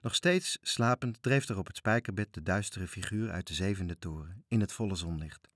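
A man reading a children's story aloud, with lively, expressive narration. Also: sits low, moderate pace, dry recording, studio quality.

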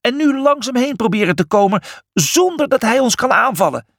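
A man's voice: high voice, very animated, normal speed, fairly bright tone, breathy edge, no room sound, clean studio sound, pitched above the performer's own voice, heavily acted. A man voicing an anxious, cautious male zebra who pleads with his brother. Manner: worried and pleading.

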